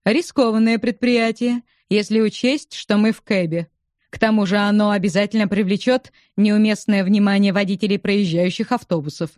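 A woman reading a storybook aloud gives voice to a calm, unruffled gentleman whose delivery is deadpan and drily ironic, lightly acted. She uses a mid-range voice at normal speed, and the close recording has no room sound.

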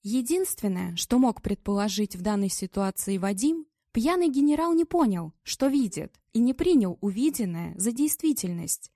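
A woman narrating an audiobook chapter in a measured, steady way. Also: medium pitch, dry recording, clean studio sound. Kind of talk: scripted narration.

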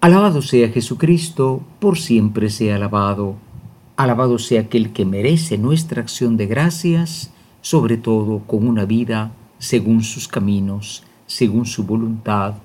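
An older man, a bishop, opening a prayerful scripture reflection in a devout, measured preaching manner. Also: on the low side, darkish tone.

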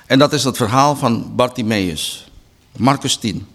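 A man giving a preaching Bible study talk, reading slowly and deliberately with emphatic restarts. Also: medium pitch, fairly bright tone. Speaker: Bible teacher.

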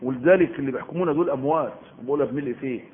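With a fairly high, expressive voice at a moderate pace, a man speaking with an Egyptian Arabic accent delivers a forceful Quran lesson as a preacher giving commentary. He repeats phrases and throws out rhetorical questions, heard through tinny, phone-like sound.

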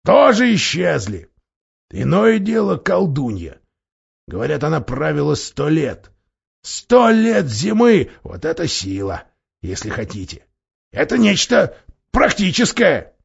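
A man's voice: wildly swooping pitch, unhurried, vocal fry, breathy edge, highs cut off, exaggerated voice. A man voicing a sneering bitter dwarf. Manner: sneering, rising to shrill shouts. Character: bitter scheming male dwarf, sharp-tongued, defiant.

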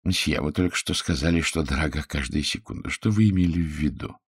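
Guy doing a fussy pompous detective, pedantic, deep voice, dry sound. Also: fairly quick, slightly rough, no room sound, heavily acted. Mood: measured. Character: fussy precise Belgian detective, middle-aged man.

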